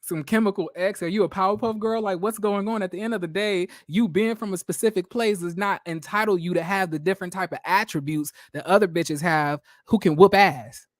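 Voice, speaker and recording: A man's voice: high-pitched, brisk, few pauses, dry recording. A man hosting a livestream recap of a reality show, reading viewer comments and answering in a blunt, sassy, profane way with many rhetorical questions.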